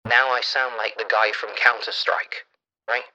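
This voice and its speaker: A man's voice: mid-range voice, little pitch movement, normal speed, pushed and bright, highs cut off. A man casually talking through his mixer's voice effect, which puts a heavy digital reverb and echo on everything he says. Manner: chatty, demonstrating, loose with fillers. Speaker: gear reviewer. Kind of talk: casual product review.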